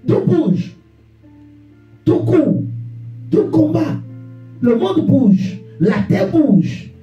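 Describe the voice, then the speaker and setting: A man preaches emphatically in a very high, sing-song voice, stretching his words out while repeating phrases and posing rhetorical questions to his listeners. The highs sound cut off. He was recorded on a distant mic in an echoey room, with faint music behind him.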